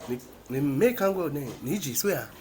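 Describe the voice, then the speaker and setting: A man's voice: fairly high pitch, animated, fairly quick, a little mellow. A man from Ghana chats casually in Mandarin as a foreigner, using simple repeated phrases. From Ghana, West Africa. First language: not Mandarin, speaks it as a foreign language. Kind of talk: casual chat. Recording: clear background noise.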